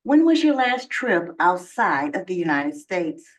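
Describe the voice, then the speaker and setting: A female voice on the low side, with big pitch swings, belongs to an actress playing a formal immigration officer. She conducts the interview in a measured and procedural way. The audio comes from a video played at a distance.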